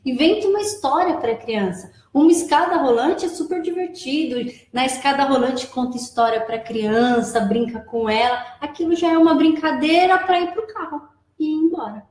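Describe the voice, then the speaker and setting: Woman guest, high voice, explains and repeats key points, roomy echo. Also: moderate pace, a little mellow. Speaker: guest, preschool operations director. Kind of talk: live advice chat. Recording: echoey room.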